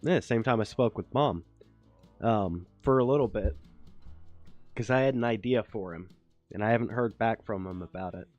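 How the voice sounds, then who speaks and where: A man's voice: fairly low pitch, normal speed, a little mellow, no echo, highs cut off, soft background music. A man co-hosting a casual podcast chat with his brother, meandering and chuckling often. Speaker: podcast co-host.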